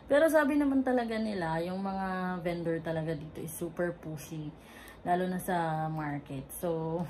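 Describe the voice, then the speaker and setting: A woman's voice: lowish voice, darkish tone, a little hiss or hum. A young woman from the Philippines, telling a travel story in a casual vlog, chatty and laughing often, mixing in English words. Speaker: travel vlogger.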